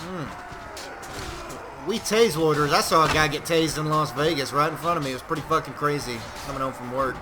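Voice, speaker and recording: A man giving casual, profane, rambling commentary while he plays a game, now and then bursting into shouts. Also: a little high, moderate pace, background noise. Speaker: gameplay commentator. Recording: loud game music behind the voice.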